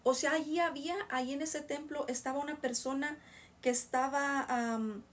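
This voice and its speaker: High-voiced woman explaining Bible verses. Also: fairly even intonation, far from the mic. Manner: reads a verse slowly, then explains it in rambling asides to listeners. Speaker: Bible teacher. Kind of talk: informal Bible reading and explanation.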